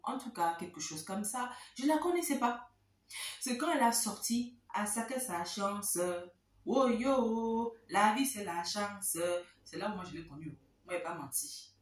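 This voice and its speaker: A woman host casually telling a story to her viewers, chatty and lively, repeating words for emphasis. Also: on the low side, reverberant, distant mic.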